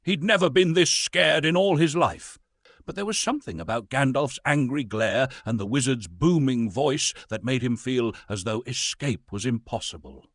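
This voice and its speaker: A man narrates a storybook tale with a lively, dramatic delivery. His voice is husky, and his pitch rises and falls widely. The sound is dry and close. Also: normal speed, no room sound.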